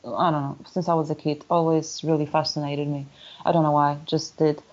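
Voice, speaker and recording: A woman's voice: sits low, level tone, a little fast, darkish tone, muffled recording. A woman in her thirties from Poland with a Polish accent, talking candidly in a casual interview, full of restarts and "you know" fillers. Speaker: guest, motorcycle traveler.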